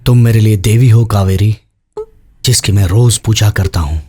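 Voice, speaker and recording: A man's voice: fairly low pitch, normal speed, warm tone, slight background noise, lightly acted. A man voicing a heartbroken young man who pleads emotionally in a dubbed film. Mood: tender.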